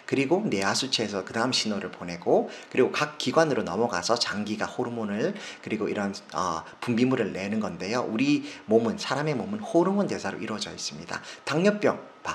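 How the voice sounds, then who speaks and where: A man, a doctor, explaining medical specialties in a casual lesson, slowing down to spell and stress English terms, with frequent fillers and self-corrections. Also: fairly low pitch, a little hiss or hum.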